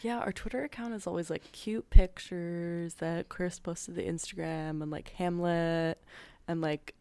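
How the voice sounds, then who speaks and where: A woman's voice: lowish voice, fairly even intonation, measured pace, warm tone, clean tone. A woman co-hosting a casual podcast, joking and swearing freely and laughing through her words. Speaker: podcast co-host. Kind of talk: casual chat.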